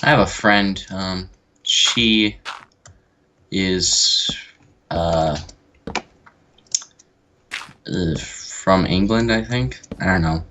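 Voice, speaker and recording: Very deep, slow-talking gamer guy. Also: bright, forceful tone, slight background noise. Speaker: game co-host. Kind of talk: casual gameplay chat.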